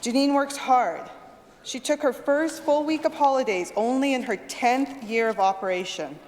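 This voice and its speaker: A woman's voice: high voice, moderate pace, a little mellow. A Canadian woman legislator reading out a formal prepared tribute in a legislative chamber. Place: large indoor legislative chamber. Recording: reverberant chamber with faint noise.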